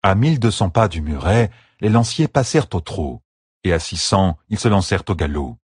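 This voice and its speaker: A man narrating a fantasy battle audiobook with steady, dramatic storytelling. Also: low voice, normal speed, breathy edge, no room sound, clean studio sound.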